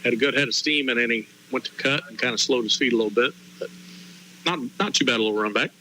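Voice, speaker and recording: A man's voice: medium pitch, quick pace, sharp tone, slight background noise, poor audio. A man giving conversational football analysis as color commentator on a live broadcast.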